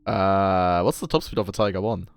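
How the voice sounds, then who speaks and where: A man's voice: deep voice, fairly even intonation, moderate pace, vocal fry, clean tone, no room sound. A German man with a German accent, streaming a building game and chatting casually, laughing often and swearing at himself. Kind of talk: casual chat while playing.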